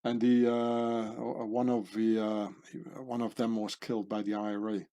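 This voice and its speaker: A man's voice: lowish voice, level tone, moderate pace, dark tone. A man hosting his channel, talking through pictures in a meandering monologue full of fillers and tag questions. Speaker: channel host. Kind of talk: rambling monologue over pictures.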